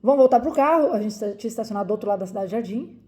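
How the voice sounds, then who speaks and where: A woman's voice: a little high, lively intonation, rapid-fire, a little mellow. A woman from Brazil in her forties, a doctor, telling viewers a personal story in an emotional, vivid way with lots of repetition.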